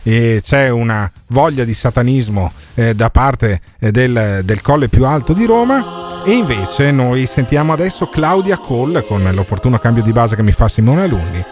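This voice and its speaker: A man's voice: mid-range voice, very animated, normal speed, a little mellow, soft background music. A man hosting a morning radio show, joking crudely and filling gaps with hesitations. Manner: bantering, crude, hesitant with many fillers. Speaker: radio host.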